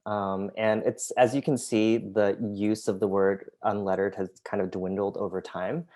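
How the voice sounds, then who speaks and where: A soft-spoken graphic designer and artist from the United States, whose first language was Vietnamese, presents his work in an online talk over a video call, hesitating with many ums. His voice is fairly low and flat, at a moderate pace.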